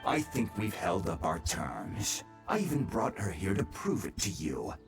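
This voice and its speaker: An actor voicing a menacing, short-tempered bandit kidnapper in a video game, with a sneering, theatrical delivery. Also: male voice, low-pitched, huge pitch swings, measured pace, distant mic, music in the background, exaggerated voice. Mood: sneering menace. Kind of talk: English video game voice acting.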